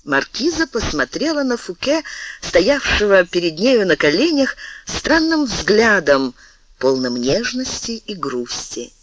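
A man narrating a classic novel as an audiobook, in a measured, expressive way. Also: sits high. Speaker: audiobook reader. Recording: dull lo-fi dry recording.

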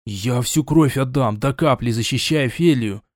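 A man's voice: medium pitch, unhurried, dry recording, clean studio sound, lightly acted. A man voicing a stubborn young knight in love, who talks sullenly and stammers when pressed.

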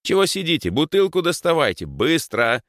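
A man voicing a bossy, sarcastic schoolboy in an audiobook, who talks in gruff, snapping orders. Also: fairly low pitch, big pitch swings, normal speed, fairly bright tone, no echo, studio quality, pitched above the performer's own voice. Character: schoolboy Egor, bossy, sarcastic and quick to snap. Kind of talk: audiobook character voice.

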